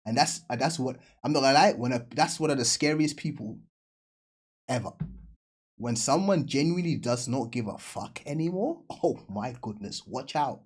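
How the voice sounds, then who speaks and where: Blunt, slangy man reacting with husky voice. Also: medium pitch, animated, normal speed. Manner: blunt slangy street talk, emphatic. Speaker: reaction channel host. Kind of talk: casual reaction commentary.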